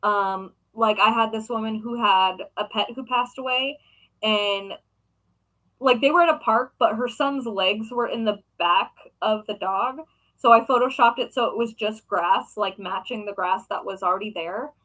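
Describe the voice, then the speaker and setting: Young woman, bright tense tone, slightly high voice, casual rambling chat, lots of fillers. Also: moderate pace, rough recording. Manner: chatty, rambling with many fillers. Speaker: craft shop owner and vlogger. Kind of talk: casual chat answering viewers.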